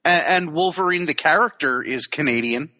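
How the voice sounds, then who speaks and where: A man's voice: fairly high pitch, moderate pace, pushed and bright. A man hosting a podcast, easygoing, laughing along in casual chat. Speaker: podcast host.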